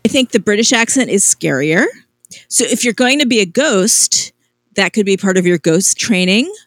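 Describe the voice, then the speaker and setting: A woman's voice: medium pitch, animated, moderate pace, no room sound. A woman in casual talk about a film, eager and laughing easily. Her voice sits mid-range and sounds close and dry, with no room around it. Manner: enthusiastic, laughs often.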